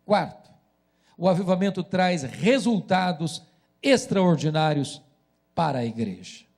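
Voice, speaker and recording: A man with a Brazilian Portuguese accent preaching a sermon as pastor, dramatic and rising to loud chanted cries. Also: high-pitched, expressive, unhurried.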